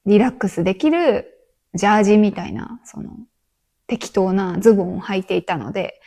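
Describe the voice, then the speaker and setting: A woman podcast host speaking slowly and gently in a casual monologue for learners, with many soft filler words. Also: medium pitch.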